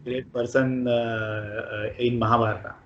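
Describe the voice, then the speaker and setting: A man in his late forties from Konkan with a Marathi Indian accent, answering casual interview questions haltingly and often repeating words. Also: medium pitch, little pitch movement, slight background noise. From Konkan, Maharashtra, India. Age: late 40s. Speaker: interviewee, IT professional. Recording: dull, echoey room recording.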